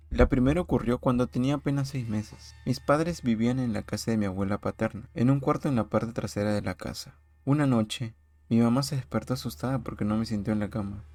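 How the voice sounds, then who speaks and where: Man, measured horror narration, dry close mic. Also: mid-range voice, a little mellow, no echo. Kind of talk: scripted narration.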